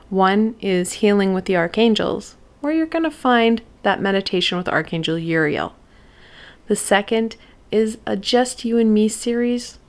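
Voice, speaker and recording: A woman with a gravelly, mid-range voice gives her viewers a spiritual oracle card reading. She speaks gently and encouragingly, pausing thoughtfully.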